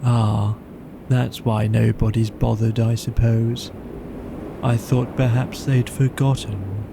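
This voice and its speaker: Man voicing a slow, gloomy old donkey. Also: mid-range voice, gravelly, background noise. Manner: slow, doleful, deadpan. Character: gloomy old male donkey, mournful and self-pitying.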